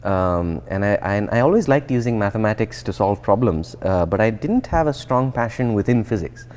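Speaking briskly in a lowish voice, a guest researcher from India in his thirties describes how he got where he is. The interview is casual and reflective, with frequent restarts and filler words. A lapel microphone captures him in a glass-walled atrium with plants.

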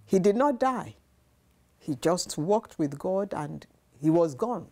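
A woman's voice: fairly low pitch, animated, slow, mellow. A middle-aged woman giving an earnest devotional sermon to camera from a living room, repeating phrases for emphasis, on a lapel mic. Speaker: devotional speaker. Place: living room, seated on sofa.

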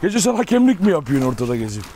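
A man's voice: fairly high pitch, very animated, racing, warm tone, a little hiss or hum. A young man talking casually to his viewers as a dog owner, chatty and direct, breaking off for short firm commands to his dogs outdoors. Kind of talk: casual talk to viewers while handling dogs.

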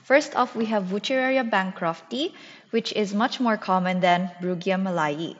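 A woman's voice: mid-range voice, normal speed. A woman lecturer explaining material to her class in a scripted, teacherly slide lecture. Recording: muffled, reverberant narrated slide recording.

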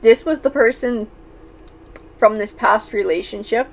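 A woman with a slightly high voice lays out tarot cards one by one. She talks thoughtfully, pausing on fillers and starting phrases again as she reads. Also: creaky. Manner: thoughtful, with many fillers and restarts. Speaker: tarot reader. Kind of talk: tarot card reading.

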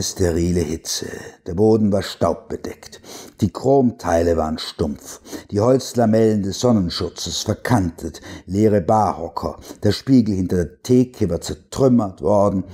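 A man reading a horror story aloud in a dramatic, slow, hushed narration. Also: lowish voice, husky. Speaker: reader.

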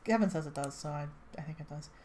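A woman reads a fan story aloud in a lowish voice, casual and unpolished, stumbling and correcting herself as she goes. A faint hiss sits behind her. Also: quick pace, dark tone. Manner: casual, with restarts and asides. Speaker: reader. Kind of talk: amateur fan-fiction read-aloud.

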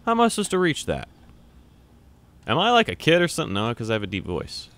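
A fast-talking young man with a mid-range voice and wildly swooping pitch plays a video game on camera. His let's-play commentary is casual and chatty; he reads on-screen text aloud and lets out loud, startled yelps and swearing.

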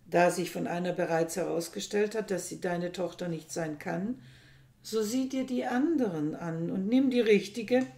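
A woman reading the part of a composed king who answers in calm, formal speech. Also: fairly low pitch, normal speed, lightly acted. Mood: measured. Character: composed male king, measured and dignified. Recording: echoey room.

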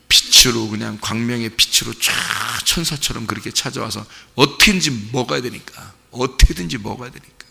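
A middle-aged man preaches a dawn service sermon with a bright, forceful, gravelly voice. He tells vivid stories and keeps asking the congregation questions. His voice rings out with the long reverb of a church sanctuary. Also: mid-range voice. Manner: animated, vivid storytelling with direct questions to the congregation. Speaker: pastor.

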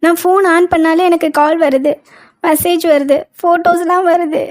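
A woman voicing a frightened young college woman in a cartoon, pleading in a flat, tearful way. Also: very high voice, moderate pace, no room sound. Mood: scared. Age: young adult. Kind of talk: cartoon voice acting.

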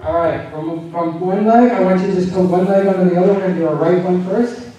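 A man's voice: high voice, steady tone, quick pace, dark tone. A man teaching a live yoga class at a convention, encouraging and repeating reassurances, speaking into a handheld microphone. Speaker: yoga instructor. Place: large convention hall. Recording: echoey hall, distant handheld mic.

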